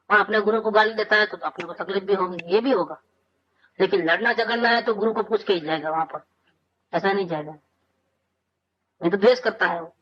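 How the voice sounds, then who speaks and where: Male spiritual teacher, conversational discourse, rhetorical questions, muffled lo-fi sound. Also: sits high. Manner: conversational, asks rhetorical questions and answers them. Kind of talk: informal scripture discourse.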